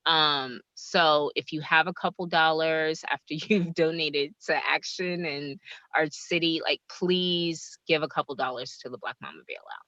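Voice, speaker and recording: A woman's voice: low voice, fairly even intonation, a little slow, pushed and bright, no echo, dull audio. A woman making an earnest, pleading appeal at a community meeting over a video call, with audio that cuts in and out. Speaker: organizer speaking at a community meeting. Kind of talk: casual meeting remarks.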